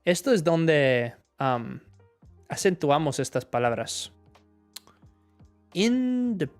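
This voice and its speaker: A man's voice: mid-range voice, lively intonation, a little slow, faint music behind. Man teaching in a live Q&A. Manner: answers viewer questions, switches between Spanish and English examples. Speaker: English teacher. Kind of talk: live Q&A English lesson.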